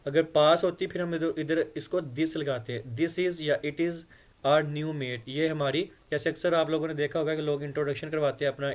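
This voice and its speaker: A man teaches English phrases. He reads each English line slowly and carefully, then explains its meaning at length. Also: a little high.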